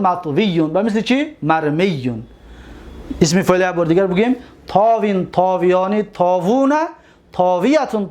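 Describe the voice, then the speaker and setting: High-voiced man drilling grammar by rote. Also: darkish tone. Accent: Tajik. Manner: drills conjugations aloud, repeats and quizzes listeners. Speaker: teacher. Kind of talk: Arabic grammar lesson.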